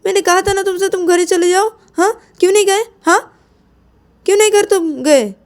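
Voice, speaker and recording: A woman voicing an exasperated young woman who scolds in shrill, rapid questions. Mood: scolding.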